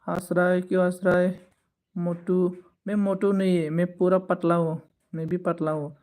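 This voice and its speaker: A man with a Bodo accent, a native Bodo speaker, hosts a casual livestream. He talks slowly in a level, unhurried voice. He teases viewers lightly and greets each one by name. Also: high voice, darkish tone. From Northeast India. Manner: teasing, greets commenters by name. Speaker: live streamer.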